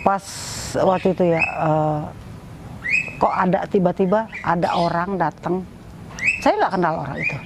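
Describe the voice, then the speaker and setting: A woman's voice: animated, normal speed, background noise. Emotional middle-aged woman telling her story. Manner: emotional, rising pitch when moved. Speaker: interviewee. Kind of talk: personal testimony interview.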